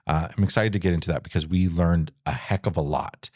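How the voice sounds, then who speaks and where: A man's voice: low voice, brisk, a little mellow, no echo, clean studio sound. A man co-hosting a casual podcast, chatty and self-deprecating, often trailing off and restarting. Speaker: podcast co-host. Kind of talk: casual chat.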